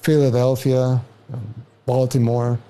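A man's voice: medium pitch, level tone, a little slow, dark tone. Emphatic man. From El Salvador. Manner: emphatic, repeats himself. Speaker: interview guest. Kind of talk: clip of a political interview.

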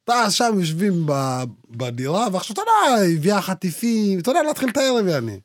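A young man co-hosting a podcast, telling animated stories in casual slang. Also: high-pitched, no echo, studio quality. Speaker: podcast co-host. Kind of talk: casual chat.

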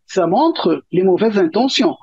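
A man's voice: high voice, expressive, measured pace, a little mellow, slightly rough, no room sound, lo-fi sound. A man as a guest analyst on a debate panel, talking hesitantly with many restarts but firm views.

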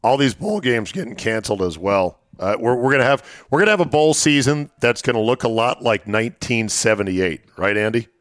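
A middle-aged man hosts casual sports talk in a mid-pitched voice. He explains in short, stacked phrases, and the sound is close and dry. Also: big pitch swings, a little fast, hardly any pauses, a bit bright, no echo.

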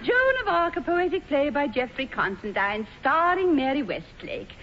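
A woman's voice: high-pitched, big pitch swings, moderate pace, a bit bright. A woman playing a vain, gushing, domineering stage actress in theatrical, affected 1940s radio comedy style. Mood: effusive. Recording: muffled old radio broadcast, faint noise.

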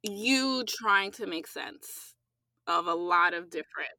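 A woman hosting a conversation, calm and reflective as she responds to her guest. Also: lowish voice, slow pace, creaky, no echo.

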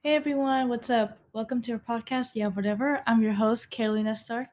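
A woman's voice: on the high side, steady tone, a little fast, over music. Chatty young woman podcast host. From Central America. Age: 20s. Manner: chatty, reading from a script with many ums and laughs. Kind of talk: casual podcast chat.

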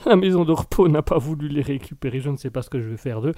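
Joking, throat-clearing male stream host. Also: fairly high pitch, expressive, fast, warm tone, no room sound. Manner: self-mocking, joking, clears throat often. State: slightly ill, throaty. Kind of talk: casual comic chat.

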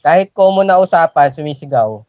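A Filipino-accented podcast co-host chatting casually, giving quick, short replies. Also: medium pitch, expressive, dark tone, no room sound, lo-fi sound. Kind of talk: casual chat.

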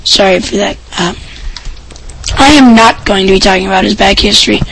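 A woman hosting an amateur podcast with a hoarse, scratchy voice, rambling and offhand as she chats and reads out items. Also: medium pitch, fairly quick, a bit bright. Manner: rambling, offhand, self-interrupting. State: hoarse voice, clearing throat. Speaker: podcast host. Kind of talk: casual amateur podcast talk, part reading news items.

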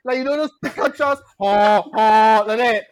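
A woman's voice: high voice, quick pace, slight background noise. A woman with a Malaysian or Singaporean English accent, chatting and telling stories in colloquial slang, teasing and often laughing. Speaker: stage performer.

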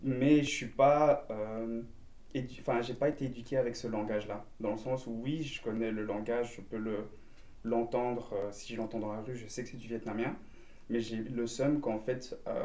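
A man's voice: medium pitch, fairly even intonation, normal speed, warm tone, far from the mic. A man from Belgium speaks as a guest in a casual chat. He talks earnestly and leans on slang and filler words. The sound is echoey, with plenty of room around his voice.

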